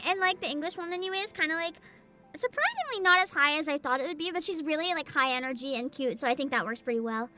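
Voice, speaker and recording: A woman with a very high, piercingly bright voice banters on a livestream while reading a game story. She is giggly and gushing, in a casual style, with music in the background. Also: expressive, quick pace. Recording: music behind.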